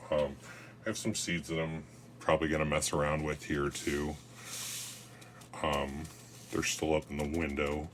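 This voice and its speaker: Deep-voiced joking man vlogging at home. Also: level tone, a little slow, pauses often, fairly bright tone, a little hiss or hum. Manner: rambling, self-mocking, cracks dad jokes. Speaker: gardening vlogger. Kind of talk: casual how-to vlog.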